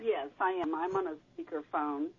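A woman's voice: deep voice, normal speed, background noise. A woman in her sixties calling into a talk radio show on a speakerphone, sounding echoey and complaining indignantly. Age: 60s. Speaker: caller. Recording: tinny speakerphone call over phone line.

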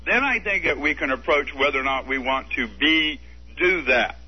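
A man's voice: on the high side, animated, moderate pace, slightly rough. A man calling in to a radio talk show, arguing his views in an earnest, firm way. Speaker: radio caller. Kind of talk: call-in radio debate. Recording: dull lo-fi radio broadcast.

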